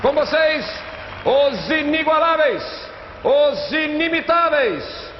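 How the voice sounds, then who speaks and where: A circus ringmaster calls out in a very high, slow voice, stretching words grandly as in a documentary re-enactment. The sound is echoey and dull, with a noisy crowd around it. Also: male voice, lively intonation, exaggerated voice. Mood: grand, exclamatory. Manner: grand, drawn-out ringmaster announcing. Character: male circus ringmaster announcing trapeze stars.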